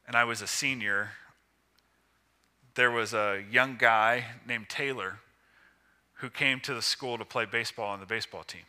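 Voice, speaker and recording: A man preaching a sermon with emphatic, measured phrasing broken by pauses. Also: mid-range voice, fairly even intonation, pushed and bright.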